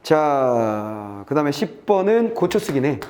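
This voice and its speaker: Male lecturer, fairly high voice, brisk and chatty, reads the passage aloud then drops low to check in. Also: big pitch swings, darkish tone, a little hiss or hum. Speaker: Korean test-prep teacher. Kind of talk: lecture walking through an exam passage.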